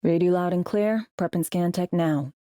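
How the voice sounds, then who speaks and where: Voicing an undercover field agent in a sci-fi video game, a woman plays a brash, foul-mouthed, world-weary spy whose clipped, slangy, sardonic lines sound brisk and businesslike. Her lowish, mellow voice moves at a moderate pace, lightly acted, in a dry, clean studio recording.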